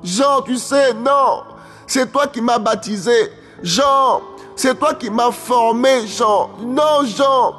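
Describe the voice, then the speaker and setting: A man voicing an adoring male disciple who pleads and exclaims in drawn-out praise. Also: very high-pitched, a bit bright, voice pushed up, full character voice. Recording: faint music, long hall reverb.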